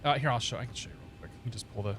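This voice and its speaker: A man's voice: mid-range voice, rapid-fire, a bit bright, slight background noise. A man hosting a flight simulator livestream, chatting casually and thinking aloud to his viewers.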